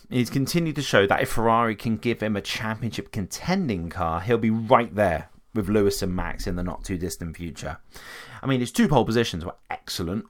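A man's voice: on the low side, fairly bright tone. A man giving casual, opinionated commentary on racing drivers, talking conversationally with frequent restarts. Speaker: motorsport commentator.

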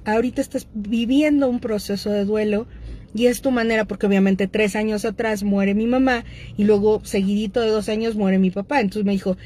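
Speaking at medium pitch with a dark tone, a middle-aged woman with a Mexican accent discusses addictions as a host. Her delivery is conversational and direct to listeners, peppered with fillers.

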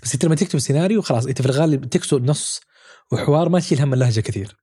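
A man's voice: medium pitch, racing, mellow, husky, no echo, studio quality. A man hosting a podcast, chatting casually and putting questions and counterpoints to his guest. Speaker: podcast host. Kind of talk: casual chat.

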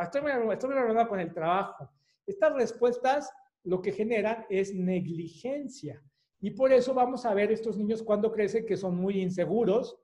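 A woman's voice: mid-range voice, dark tone. A woman teaches about attachment in a plain explanatory voice. She checks in with her listeners through short tag questions and walks them through everyday examples. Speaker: attachment and relationships educator. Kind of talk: educational talk.

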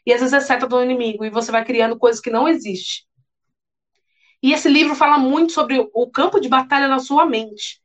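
A young adult woman preaching, telling a personal testimony in an earnest, animated way with many repetitions. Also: sits high, fairly quick. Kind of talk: emotional testimony sermon. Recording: dull lo-fi sound.

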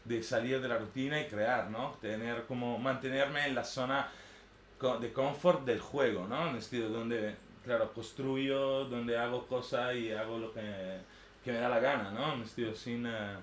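His voice is medium-pitched with fairly even intonation and a moderate pace: a northern Italian artist in his thirties, native in Italian and carrying an Italian accent. In an unscripted, informal personal talk he hesitates and rambles, often seeking agreement with tag phrases. The room echoes, and faint noise sits underneath.

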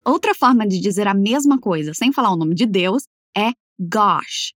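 Uma mulher dando aula de inglês em português, falando devagar e articulando as frases com cuidado para o aluno repetir. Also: female voice, medium pitch, animated, no room sound, clean studio sound. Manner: slow, careful over-articulated model phrases. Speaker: English teacher. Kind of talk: language lesson, repeat-after-me drills.

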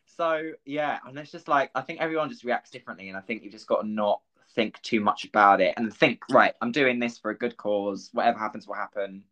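A young man hosts a podcast in casual chat, telling stories in a chatty, animated way with lots of fillers. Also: on the low side, brisk, hardly any pauses, dull audio. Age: young adult. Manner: chatty, animated storytelling with frequent fillers and laughs. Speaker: podcast host.

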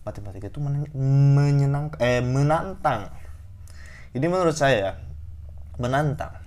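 A man's voice: mid-range voice, animated, measured pace, a little mellow. A young man talking casually to his listeners, giving his own opinions with many fillers, restarts and repeated phrases. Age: young adult. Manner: hesitant, many fillers and self-corrections; repeats key phrases for emphasis. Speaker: podcaster sharing opinions. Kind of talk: casual monologue.

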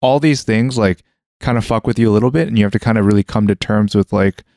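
A young Canadian man with a fairly low voice thinks aloud in relaxed, casual conversation, speaking fast and hesitantly. He keeps restarting sentences and leaning on "like" while he feels for his point, recorded dry and close to the mic.

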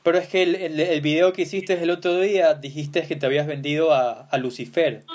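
A man's voice: a little high, steady tone, a little fast, a little mellow. A man with an Ecuadorian accent, interviewing a guest in a casual chat, with playful, prodding questions.

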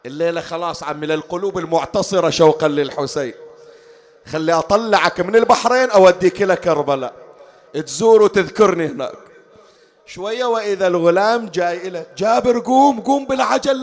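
A man preaching a mourning sermon in a mourning hall. He swells from plain talk into shouted, drawn-out chanting. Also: on the high side.

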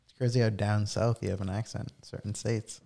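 A man's voice: fairly low pitch, little pitch movement, a little fast, vocal fry, mellow. A young man in casual chat, laid-back and teasing.

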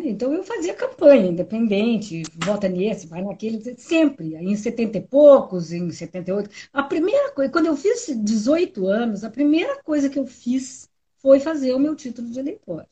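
A woman's voice: fairly high pitch, warm tone, poor audio. A woman, chatting reflectively and often ending with tag questions. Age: 60s. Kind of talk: casual conversation.

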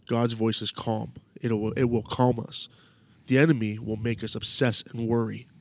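A man's voice: medium pitch, flat delivery, moderate pace. A man hosting a podcast, explaining faith topics in a loose, conversational teaching way while thinking aloud. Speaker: podcast host. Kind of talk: casual faith talk.

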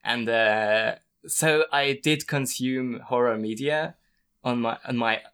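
A man's voice: mid-range voice, takes it slowly, a bit bright, smooth. A man chatting casually, speaking earnestly with hesitant restarts. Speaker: conversation guest. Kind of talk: casual conversation.

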